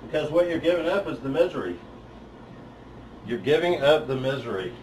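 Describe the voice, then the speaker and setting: A man giving a live spiritual talk in an auditorium. He speaks bluntly, swears freely, builds to loud emphatic peaks and then drops back down low. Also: animated, moderate pace, echoey room, a little hiss or hum, rough recording. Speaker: spiritual teacher. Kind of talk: live motivational talk to an audience.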